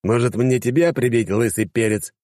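A man's voice: mid-range voice, normal speed, darkish tone, no echo, studio quality, pitched above the performer's own voice, lightly acted. A man reading the part of a brash male ex-ninja inquisitor who is indignant and mocking.

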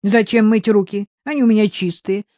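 Grumbling middle-aged male writer, read by a woman, wry, teasing, calm lower tone, dry close sound. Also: a little fast, no echo, lightly acted.

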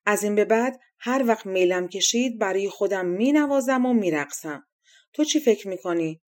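A woman's voice: mid-range voice, expressive, a little mellow, close to an everyday voice. A woman voicing a big, eager bear in a fairy tale, asking in a pleading way. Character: big eager bear wanting to play violin.

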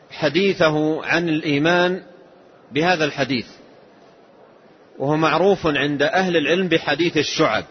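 Husky man teaching a slow religious lesson. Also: on the high side. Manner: slow, measured, explanatory. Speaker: Islamic scholar. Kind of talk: religious lesson explaining a text. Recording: dull lo-fi lesson tape.

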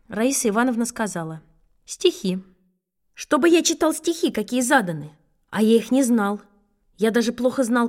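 High-voiced woman reading a children's story. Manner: lively, expressive first-person telling. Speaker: story reader.

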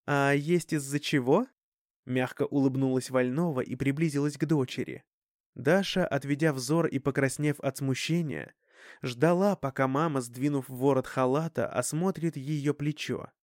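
A man narrating an audiobook in an even, steady reading voice on a close microphone. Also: medium pitch, moderate pace, no echo. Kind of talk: scripted narration.

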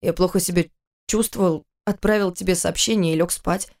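A hoarse, grumpy man in his thirties, sick with fever, mumbling slowly and sullenly in a lowered voice, as a woman narrator puts him on. He sounds dull and puzzled in a storybook reading. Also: steady tone, darkish tone, close to an everyday voice. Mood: grumbling.

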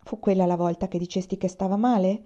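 An intense young man in love, voiced by a woman narrator in a storybook, pressing and clipped. The tone is warm and mellow, on a muffled, lo-fi recording. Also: mid-range voice, steady tone, quick pace, natural voice. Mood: urgent. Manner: urgent, then cool and curt.

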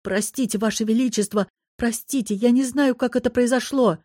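A woman's voice: on the high side, moderate pace, mellow, no room sound, pitched above the performer's own voice, lightly acted. A nervous old male artificer, fussing and pleading with his betters, as a woman reader puts him on. He frets over every answer with a worried, eager-to-please manner. The reading sounds dry and close. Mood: anxious. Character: fussy anxious old male shopkeeper artificer. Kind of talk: audiobook character voice.

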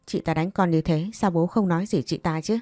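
A woman's voice: fairly low pitch, steady tone, fairly quick, warm tone, no echo, close to an everyday voice. A woman voicing a spiteful, scheming young woman who taunts and whines, in a narrated audio story. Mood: whiny. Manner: taunting, whiny.

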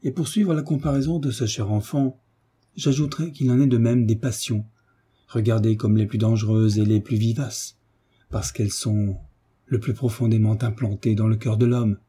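A man reading the part of a calm, kindly male tutor, reasoning in a measured way. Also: fairly low pitch, breathy edge. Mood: didactic.

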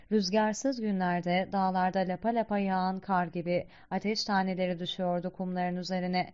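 A woman narrating an epic poem as an audiobook, reading slowly and solemnly. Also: mid-range voice, darkish tone, clean tone. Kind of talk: scripted literary narration. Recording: slightly dull lo-fi recording.

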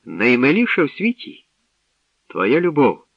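A man's voice: medium pitch, wildly swooping pitch, measured pace, creaky, slightly rough, no room sound, lo-fi sound, pitched above the performer's own voice, full character voice. A man voicing a dim, grinning young warrior who grumbles simply. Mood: grumbling.

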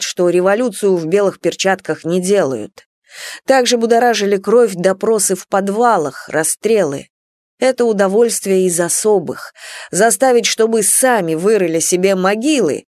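A woman narrating an audiobook in a measured, dramatic storytelling manner. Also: medium pitch, a little mellow, dry recording.

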